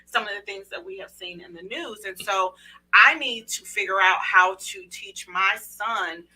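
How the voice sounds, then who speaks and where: A woman's voice: mid-range voice, a little slow, bright, forceful tone, breathy edge. A middle-aged woman hosting a podcast, speaking in a heartfelt, emotional way in casual chat. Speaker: podcast host. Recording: voice a bit distant from mic.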